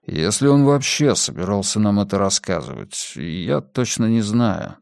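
A man's voice: on the low side, lively intonation, a little slow, creaky, a little mellow, no echo, studio quality. A man doing a cautious, mumbling policeman.

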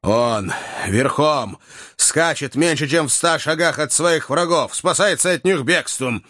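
A man reading as an excitable hunter, lively and urgent. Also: fairly high pitch, measured pace, no room sound, studio quality. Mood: stunned. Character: excitable male hunter, keen-eyed. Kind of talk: audiobook character reading.

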